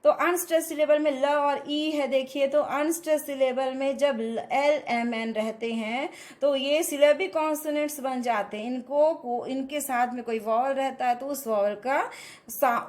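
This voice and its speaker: A woman teaching English pronunciation in a classroom lesson, explaining patiently in Hindi mixed with Indian-accented English and checking in with listeners. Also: sits high. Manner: explains slowly, mixing Hindi with English phrases, frequent "है ना" checks.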